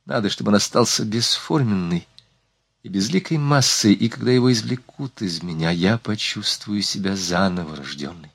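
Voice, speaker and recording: A man's voice: fairly low pitch, moderate pace, gravelly, husky, no room sound, studio quality. A man reading aloud, voicing a desperate, resolute young woman who speaks earnestly and pleadingly.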